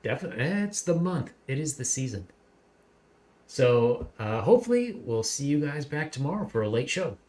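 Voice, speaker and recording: A man's voice: mid-range voice, moderate pace. A man hosting a casual livestream interview, chatting loosely and plugging upcoming shows. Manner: relaxed, chatty, plugs upcoming streams. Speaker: host.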